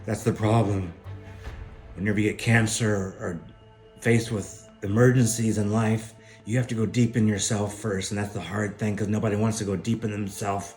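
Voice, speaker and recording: A man's voice: lowish voice, darkish tone. A middle-aged man telling a personal spiritual testimony in an earnest, emphatic, preacher-like way. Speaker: spiritual speaker sharing a testimony.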